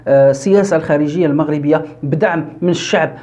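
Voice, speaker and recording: A man with a Moroccan Arabic accent giving casual political commentary as a channel host, animated, with frequent fillers and self-corrections. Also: a little high, rapid-fire. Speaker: YouTube news commentator.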